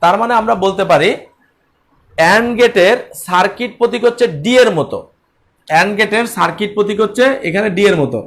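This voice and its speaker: A man's voice: high-pitched, animated, moderate pace, fairly bright tone. A man teaching an online class in a Bangladeshi Bengali accent, repeating key points and speaking straight to his students.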